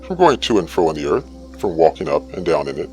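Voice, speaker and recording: A man's voice: very deep voice, very animated, fast talker, darkish tone, faint music behind, pitched below the performer's own voice. A man voicing Satan as a sly, challenging accuser spirit in a dramatic scripture reading, theatrical and insinuating.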